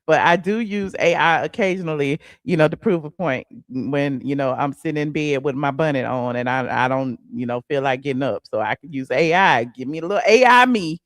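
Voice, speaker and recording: A woman's voice: deep voice, animated, fairly quick, few pauses, no echo, clean studio sound. A woman with an Atlanta accent hosting a casual live stream, sassy and chatty, full of fillers and asides. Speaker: host.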